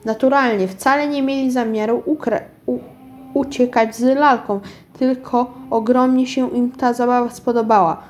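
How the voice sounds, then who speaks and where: A woman's voice: on the high side, steady tone, normal speed, darkish tone, highs cut off, slight background noise. A woman reading a children's story aloud in an unpolished way, often stumbling and restarting words. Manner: unpolished reading with frequent restarts and self-corrections.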